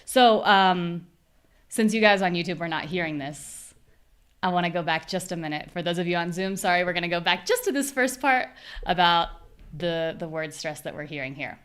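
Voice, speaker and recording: A woman with an American accent teaching a live online pronunciation class. She explains patiently and clearly, and she exaggerates syllables to show the stress. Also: on the low side, normal speed, fairly bright tone. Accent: General American.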